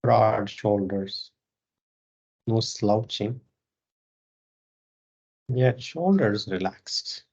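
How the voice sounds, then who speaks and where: This guided meditation comes from a yoga teacher with a mid-range, fry-laden, creaky voice. Each short phrase is calm and measured, followed by a pause, at a very slow pace, and the recording is a bit muffled and dull.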